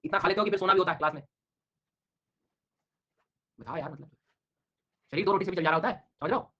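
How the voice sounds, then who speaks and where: A middle-aged male teacher with a high voice speaks at a quick pace in an online exam-prep lecture, drilling names over and over while teasing his students with jokes. The audio is dull and lo-fi, typical of an online class.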